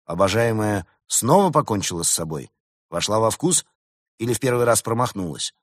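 A man's voice: fairly low pitch, expressive, moderate pace, no echo, clean studio sound. A man voicing a sarcastic, wisecracking male cat with an ironic, mocking manner.

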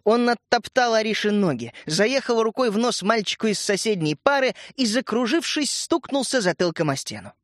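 Man reading a kids' storybook aloud, fairly high voice, dry close sound, expressive and steady. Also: moderate pace, hardly any pauses, dry recording. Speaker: narrator. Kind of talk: scripted storybook narration.

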